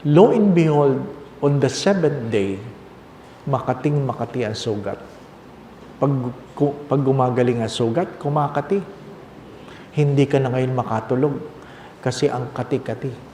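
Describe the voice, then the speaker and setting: A man's voice: mid-range voice, unhurried, pauses often, darkish tone, a little hiss or hum. An older man, a Filipino priest in his sixties with a Filipino accent, preaching a personal testimony and repeating phrases for emphasis. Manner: switches between Tagalog and English, repeats phrases for emphasis. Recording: echoey hall with long reverb.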